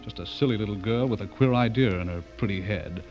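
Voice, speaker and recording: In a radio drama, an actor plays a courteous but uneasy older bachelor writer suspected of being a vampire, delivering dialogue and first-person narration. His voice is lowish, brisk and close to everyday speech, polite and guarded, turning brooding and troubled in the narration. The recording is dull and lo-fi, with music behind him.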